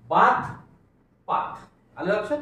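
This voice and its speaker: A man teaches a phonics lesson in a fairly high voice. He sounds out each word patiently and has pupils read it back after him. He is recorded from a distance in a very echoey classroom with a faint hiss. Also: sing-song, slow, sharp tone, dull audio. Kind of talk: phonics lecture. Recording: echoey room from far off, faint noise.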